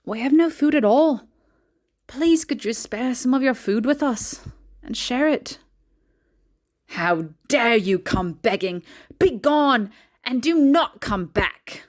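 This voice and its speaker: A woman's voice: high-pitched, measured pace. A woman voicing a stingy neighbor woman who turns away beggars harshly and scornfully. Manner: sharp, scornful.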